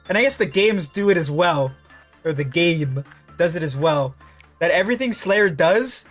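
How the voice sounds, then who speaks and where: A man's voice: high voice, a bit bright. A young man streaming live, chatting casually and telling profane, rambling anecdotes.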